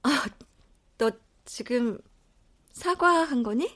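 An actress in her thirties playing a blunt, quick-tempered pregnant wife. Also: sits high, animated, fairly bright tone, full character voice. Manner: blunt and exasperated.

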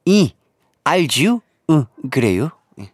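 A man's voice: on the high side, very animated, slow pace, noisy background. A man hosting a radio quiz, joking playfully as he reads out listener messages. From Jeolla, South Korea. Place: radio studio. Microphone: studio microphone.

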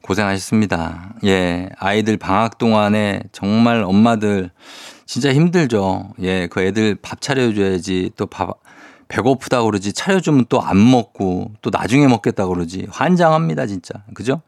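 A man hosting a morning radio show from a dry, close studio mic. His voice sits on the low side. He reads listener messages and chats back with quick asides. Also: gravelly, a little mellow, no echo. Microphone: studio microphone.

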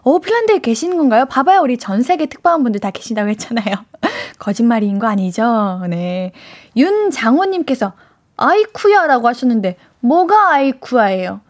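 A woman's voice: a little high, very animated, normal speed. A woman hosting a live radio show, reading listener messages in a playful, teasing way and slipping into cute baby-talk. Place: radio studio. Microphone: studio microphone.

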